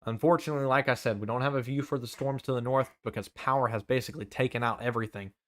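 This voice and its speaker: A man's voice: mid-range voice, fairly even intonation, quick pace, a bit bright. A young man, a student meteorologist, giving live severe weather coverage, listing towns and arrival times with urgent warnings and some self-corrections.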